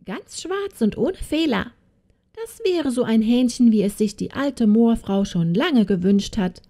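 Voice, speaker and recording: A woman voicing a greedy, flattering old witch with a cooing, sing-song voice. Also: a little high, unhurried.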